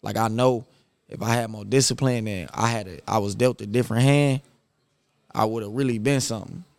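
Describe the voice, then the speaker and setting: A boxer in his 30s, appearing as a podcast guest, talks casually in a lowish, gravelly voice at a slightly fast clip. He's reserved and even-keeled, using slangy phrasing, with no room sound in the recording.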